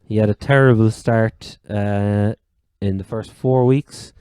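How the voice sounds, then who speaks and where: A man's voice: fairly low pitch, fairly even intonation, slow, mellow, clear, resonant tone, no echo, studio quality. A man with a Cork Irish accent chatting casually about sport as a podcast co-host. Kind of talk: casual fantasy American football chat.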